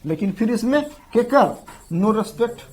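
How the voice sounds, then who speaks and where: A man's voice: high voice, very animated, slow pace, breathy edge. A male teacher giving an exam-prep grammar lecture, repeating each term several times and often checking in with the students. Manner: repeats terms drill-style, often checks in with the class.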